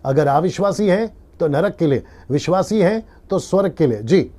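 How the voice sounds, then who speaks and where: Pastor, male, mellow dark tone, live-stream sermon, earnest teacher. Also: on the high side, lively intonation, moderate pace. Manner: earnest teaching, repeats key lines, quotes scripture.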